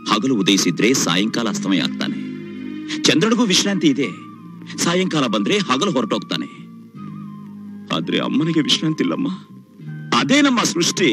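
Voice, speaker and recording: An actor playing a grown son who speaks to his mother, turning from tender to bitter and pleading, in film melodrama dialogue with music underneath. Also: medium pitch. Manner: emotional, swings from tender to bitter reproach.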